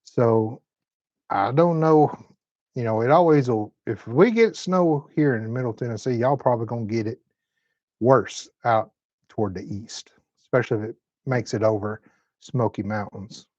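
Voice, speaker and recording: A fifty-year-old man hosting a live stream from home, chatting in an easygoing, folksy Southern manner. His voice sits at a middle pitch. The audio is dry with a slightly muffled, dull top end. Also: normal speed, darkish tone, no room sound. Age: 50s. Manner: folksy, laid-back Southern talk. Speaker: host. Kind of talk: live-stream chat reading comments.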